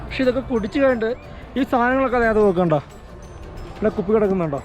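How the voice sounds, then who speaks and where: A man's voice: high-pitched, expressive, fast, faint music behind, some chatter behind. A man casually narrating a travel vlog outdoors, mixing English words into Malayalam with enthusiastic slangy exclamations. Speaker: travel vlogger. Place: outdoors at a cold mountain tourist valley.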